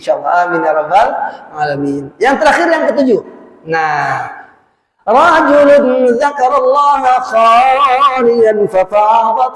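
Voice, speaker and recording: High-voiced preacher man in echoey hall. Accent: Indonesian. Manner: lively, rising to exclamations, quoting Arabic phrases. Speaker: ustadz preacher. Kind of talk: Islamic sermon to a congregation. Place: prayer hall. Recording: echoey hall, roomy reverb.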